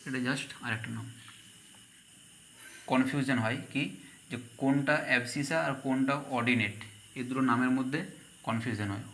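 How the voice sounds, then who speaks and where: A man's voice: mid-range voice, steady tone, moderate pace, pauses often, a bit bright, slight background noise. A man teaching a math lesson, asking questions and answering them himself.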